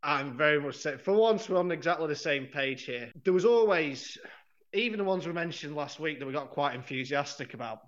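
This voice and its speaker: A man's voice: on the high side, expressive, a little fast. Rambling man on a dull lo-fi recording. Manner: rambling, self-correcting, laughs often. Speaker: podcast co-host. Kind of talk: casual football chat. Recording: dull lo-fi sound.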